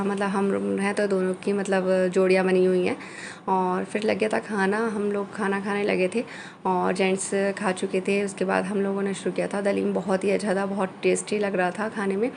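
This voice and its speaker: A woman in her thirties narrating a family vlog in a chatty, easygoing way, with frequent fillers and pauses. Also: medium pitch, little pitch movement, creaky, a little mellow, a little hiss or hum. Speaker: family vlogger. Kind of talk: casual voice-over narration.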